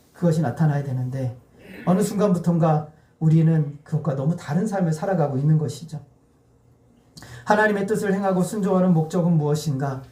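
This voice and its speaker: A male pastor preaching a sermon in a church sanctuary, animated and firing rhetorical questions at the congregation. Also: sits high. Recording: echoey church hall.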